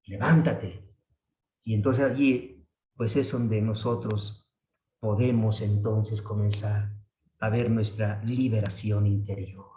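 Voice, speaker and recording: Male priest, homily delivery, conversational tag questions; distant, dull, roomy church recording. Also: dark tone. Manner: peppers phrases with tag questions, acts out complaints in a high voice. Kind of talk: sermon.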